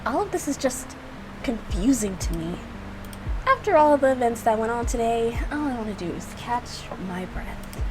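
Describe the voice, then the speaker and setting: With music playing behind her amid background noise, a woman gives giggly, self-deprecating reaction commentary on her own visual novel as a video creator, reading snippets aloud. Her voice is a little high and animated, at a moderate pace.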